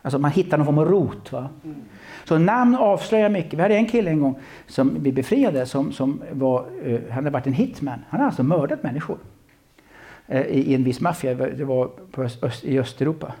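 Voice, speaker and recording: Man, pastor, sermon, lively pitch, fairly high voice, frequent restarts. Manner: animated storytelling with many restarts.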